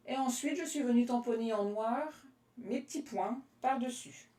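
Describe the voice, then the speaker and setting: A fairly high-voiced woman from France walks through a card-making project live and answers viewers by name as she works. She sounds relaxed and chatty. Her voice carries a roomy echo and sits a little away from the mic. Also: normal speed, recorded from a distance. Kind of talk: casual crafting demonstration, chatting with viewers.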